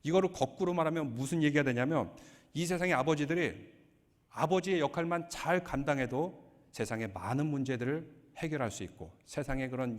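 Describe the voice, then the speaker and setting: A man preaching as a pastor, mixing humorous stories into his sermon. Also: mid-range voice. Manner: joking, lively storytelling. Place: church sanctuary. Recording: long hall reverb.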